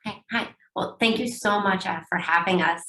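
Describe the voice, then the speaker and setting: A woman's voice: mid-range voice, fairly quick, sharp tone. A woman who founded a dumpling company, speaking earnestly and gratefully in a panel interview. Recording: echoey room.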